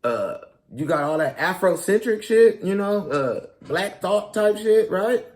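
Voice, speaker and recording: A man's voice: high voice, expressive, a little slow, a little mellow. A man in his thirties, a comedian hosting his own show, talking casually and animatedly in slang straight to his audience. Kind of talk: casual commentary monologue.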